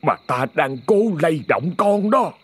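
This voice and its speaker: A man's voice: fairly high pitch, animated, slow, breathy edge, pitched above the performer's own voice, heavily acted. A male narrator voicing a stern old exorcist, barking commands to hold firm. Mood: commanding. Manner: barked commands. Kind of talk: storytelling with character voices.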